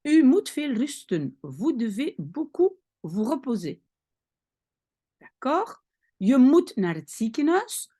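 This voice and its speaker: A woman teaching vocabulary in an online lesson. She explains patiently, reads each phrase slowly, translates it, and often checks in with "d'accord?". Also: high-pitched, sing-song, mellow, husky. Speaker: language teacher.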